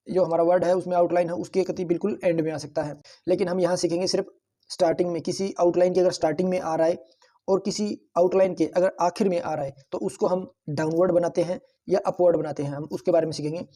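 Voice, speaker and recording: A man with a high-pitched, mellow voice teaches shorthand in a classroom-style tutorial. He explains each point patiently and repeats it, often calling the viewers "friends."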